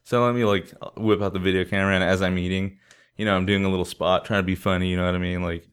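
Co-hosting a podcast, a San Diego man spins an anecdote in loose, slangy language full of swearing, acting out what people said along the way. His voice is deep and clean, and he talks quickly in this casual, animated chat.

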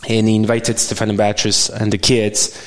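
A man from France with a French accent and a smooth voice, telling his story casually in an interview. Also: on the low side, monotone, moderate pace, low-quality recording. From Bordeaux, France. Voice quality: smooth, silky. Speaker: winemaker guest. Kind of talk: casual chat.

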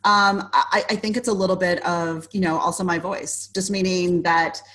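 A woman in her forties, a dating coach talking frankly as an interview guest, energetic and unafraid to swear. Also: fairly low pitch, normal speed, rough recording. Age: 40s. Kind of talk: casual interview chat.

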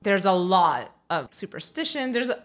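A woman's voice: mid-range voice, measured pace. Chatty woman from Miami. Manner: relaxed, chatty, mixes in Spanish words. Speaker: podcast co-host. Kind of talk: casual chat.

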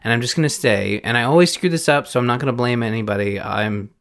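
A man's voice: medium pitch, fast, gravelly. A Canadian man hosting a film podcast, chatting casually with chuckles and many restarts. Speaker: podcast host.

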